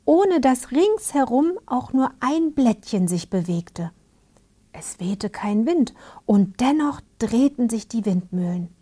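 A woman telling a fairy tale in a hushed, soothing whisper, as a whispered fairy-tale reading. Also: a little high. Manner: hushed and soothing, invites listeners to get comfortable. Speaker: storyteller.

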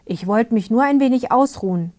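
A woman's voice: fairly high pitch, expressive, fairly quick, a little mellow, natural voice. A woman voicing a cheerful male runner in a whispered fairy-tale role-play.

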